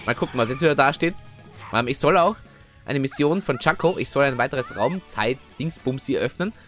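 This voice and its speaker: A young man giving chatty, excitable let's play commentary, often tagging his sentences with little questions. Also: medium pitch, normal speed. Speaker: gaming video host. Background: faint game music.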